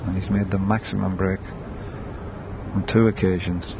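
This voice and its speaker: A man giving hushed, low-key, conversational snooker commentary as part of a broadcast. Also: flat delivery, moderate pace, gravelly. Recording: noisy live arena broadcast.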